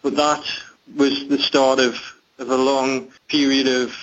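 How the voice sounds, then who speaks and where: A man with a Geordie accent from northeast England, an interview guest who tells his running story in an earnest, measured way. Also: medium pitch, level tone, fairly bright tone, muffled recording. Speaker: interview guest, long-distance runner. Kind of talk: casual interview.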